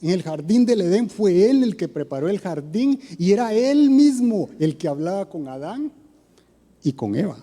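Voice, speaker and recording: A man's voice: high voice, big pitch swings, normal speed, mellow. A man preaching a sermon in a conversational way, asking his listeners questions, with a Costa Rican accent. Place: church. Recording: long church reverb.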